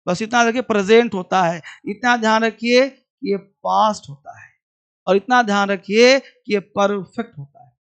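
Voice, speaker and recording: A man's voice: high voice, fairly even intonation, unhurried, fairly bright tone, smooth. A man teaching English in a classroom. He chants verb forms in rhythm and repeats each point. He keeps asking the class questions and answers them himself. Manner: drills verb forms aloud, asks and answers his own questions. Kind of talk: classroom lesson.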